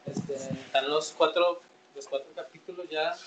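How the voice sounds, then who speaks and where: High-voiced Mexican man telling stories. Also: a little slow, background noise. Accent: Mexican Spanish. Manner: slangy, animated, acts out quoted voices. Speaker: podcast co-host. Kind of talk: casual storytelling among friends.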